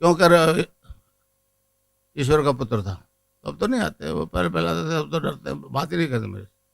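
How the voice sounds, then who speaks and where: A man's voice: fairly high pitch, expressive, a little fast, vocal fry. An older man, a guru, giving a rambling spiritual discourse to a gathering and chanting a mantra. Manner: digressive, teaching, chants a mantra.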